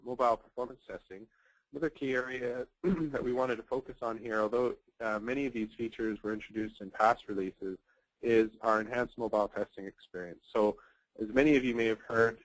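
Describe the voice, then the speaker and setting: A man presenting software features in a technical webinar, talking fluently with frequent fillers and repeated words. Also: medium pitch, fairly even intonation, brisk, no room sound, poor audio.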